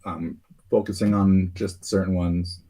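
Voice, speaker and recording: A man with a low, husky voice talks casually as host. He rambles, restarting sentences and filling pauses with "um" and "uh". His tone stays mellow and dark throughout. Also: little pitch movement. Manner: rambling, hesitant, many fillers and restarts. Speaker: podcast host. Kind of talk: casual conspiracy talk.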